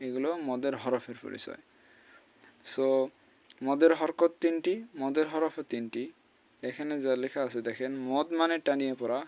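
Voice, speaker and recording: A man's voice: mid-range voice, creaky, a little mellow, lo-fi sound. A man, teaching a spoken lesson and spelling out letters and vowel marks syllable by syllable. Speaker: Quran recitation teacher.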